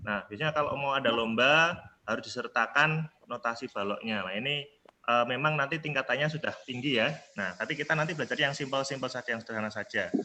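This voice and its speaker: A man's voice: medium pitch, quick pace, bright, forceful tone, slight background noise. A male primary school teacher teaching an online class over a laptop video call, patiently coaxing answers and singing the scale notes. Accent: Indonesian.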